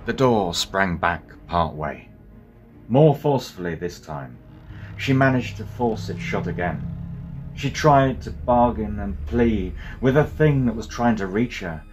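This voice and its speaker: A man with a fairly low, expressive voice narrates a scripted horror story a little slowly, theatrical and suspenseful, with swelling intensity. Music plays behind him.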